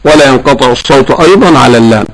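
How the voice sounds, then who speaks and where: A man teaching correct Quran recitation, explaining patiently and chanting verses slowly to demonstrate. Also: mid-range voice, a little hiss or hum, poor audio.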